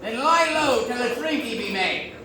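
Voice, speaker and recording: A man playing a scheming one-legged pirate cook in a live stage play, barking orders in gruff pirate dialect. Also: very high-pitched, expressive, normal speed. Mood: sly. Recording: echoey hall from far off, background noise.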